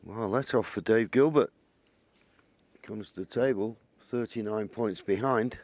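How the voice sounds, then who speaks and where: A man's voice: on the low side, measured pace, a little mellow, no room sound. A man giving conversational snooker commentary, with chatty explanatory asides as a co-commentator.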